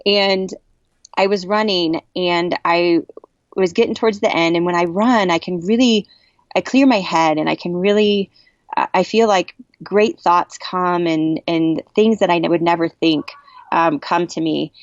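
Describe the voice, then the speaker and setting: Guest woman, earnest and emotional, lower voice, halting speech, dull dry lo-fi recording. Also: dry recording. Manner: earnest, halting, with frequent restarts; emotional, gets worked up. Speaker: podcast guest. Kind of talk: personal storytelling in a podcast interview.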